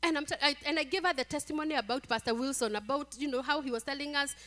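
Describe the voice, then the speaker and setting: A woman preacher with a high voice, delivering a sermon. She repeats scripture verses and keeps breaking in with praise, shifting between hushed storytelling and loud exhortation. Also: fast talker.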